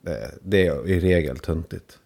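A low-voiced man chatting about his band in a loose, blunt way. He laughs often and swears freely, like a musician talking shop. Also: vocal fry, a little mellow. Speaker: band member. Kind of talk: casual chat.

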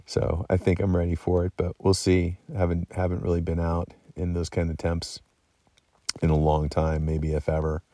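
A tired hunter vlogger talks casually at his mountain camp at night, his low voice moving at a moderate pace with no room sound. He rambles in a relaxed way, yawning and filling his speech with ums and restarts.

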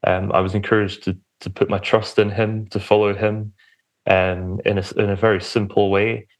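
Young male podcast guest, slightly low voice, hesitant conversational testimony. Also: level tone, moderate pace. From England, Romford in Essex on the edge of London. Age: young adult. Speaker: podcast guest, church minister.

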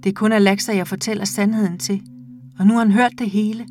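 A woman hosting a podcast, reading a literary story aloud in a calm, measured, intimate way and then reflecting on it. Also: mid-range voice, faint music behind. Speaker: podcast host reading fiction.

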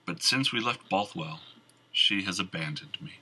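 A man's voice: low voice, sharp tone, breathy edge, full character voice, low-quality recording. Man voicing a formal brooding knight. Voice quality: formal, measured speech. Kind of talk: audiobook character reading.

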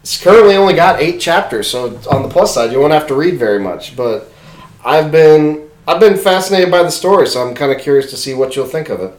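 Here a young podcast co-host talks fairly quickly in a slightly high voice with lively intonation. The chat is casual and rambling, full of fillers and unrestrained swearing, and the room has an echo.

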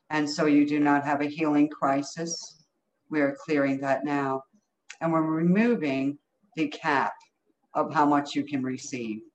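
A woman leading an improvised energy healing session as a healer, speaking in short, incantatory phrases with repeated commands. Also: deep voice. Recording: dull, lo-fi call audio with noise.

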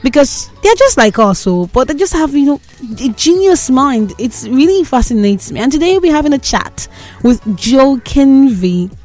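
A woman hosts a conversational podcast. Her voice sits fairly high and she keeps things informal, tagging questions onto her sentences. Faint music plays behind her. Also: big pitch swings, moderate pace, a little mellow. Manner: informal, often adds "right?". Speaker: podcast host.

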